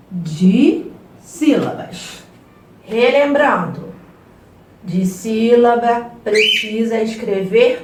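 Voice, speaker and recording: A Brazilian woman teaching a review lesson to young children, stretching words out slowly and playfully. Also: on the high side, echoey room, distant mic, a little hiss or hum. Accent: Brazilian Portuguese. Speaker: primary school teacher.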